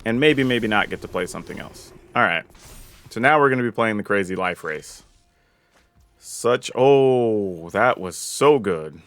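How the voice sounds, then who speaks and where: A man's voice: on the low side, unhurried. Chatty Southern man calling a card game. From American South. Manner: excitable, chatty, thinks aloud. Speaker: gameplay commentator. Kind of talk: casual gameplay commentary.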